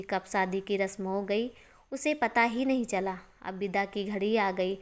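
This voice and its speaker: A woman narrating a moral story in a steady, expressive storytelling manner. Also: mid-range voice.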